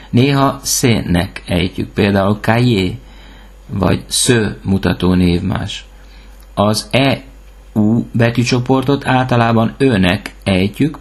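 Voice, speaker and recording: A man teaching a language lesson, reading words and their translations one by one with short pauses. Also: on the low side. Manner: reads word lists, pausing after each item. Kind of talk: slow, clear language lesson.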